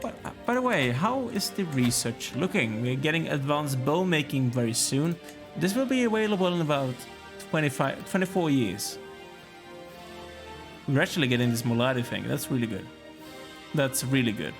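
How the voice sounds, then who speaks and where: A man's voice: medium pitch, very animated, moderate pace, music in the background. A tired, yawning man casually commenting as he plays a strategy game, musing aloud and chatting to the characters on screen. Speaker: let's play gamer.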